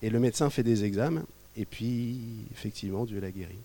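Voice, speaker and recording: Conversational French pastor telling a story. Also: male voice, lowish voice, fairly quick, slight background noise. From Normandy, France. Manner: conversational, animated, drops to quiet asides. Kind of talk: sermon with storytelling. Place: church.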